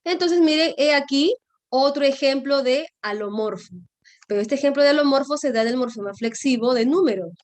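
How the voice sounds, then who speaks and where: Patient and frequently checking on her students, this woman lectures an online grammar class in a brisk, high-pitched voice. The recording is dry.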